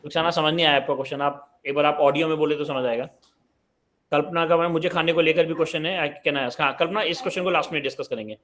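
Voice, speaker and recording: A man in his late twenties hosts a live online parenting session. His voice sits a little high for a man, and he reads out viewer questions before answering them in an easy, conversational way. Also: steady tone, fast, a bit bright. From Uttar Pradesh, India. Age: 20s.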